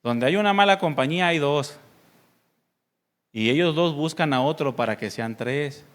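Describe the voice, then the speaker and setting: Casting note: pastor from Mexico, a man with a somewhat high voice, preaching loosely and quizzing his congregation. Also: lively intonation, normal speed. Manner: conversational preaching with questions to the congregation; mimics voices playfully. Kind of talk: sermon.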